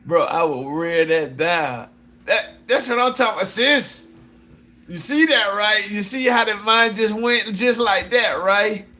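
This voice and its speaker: A man's voice: sits high, measured pace, bright, forceful tone. A man talking loosely with his viewers about his clothing brand, repeating himself, breaking into whoops and laughs, and calling someone "sis". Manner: loose, repetitive, keeps addressing "sis". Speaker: fashion designer pitching his brand. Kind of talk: casual live chat with viewers.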